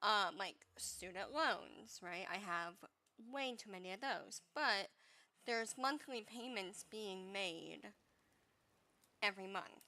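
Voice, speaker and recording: Young woman, congested, bright tense tone, slow unhurried pace, rambling casual chat, lots of fillers. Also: mid-range voice, expressive. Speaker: gaming vlogger giving advice. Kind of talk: casual chat over gameplay.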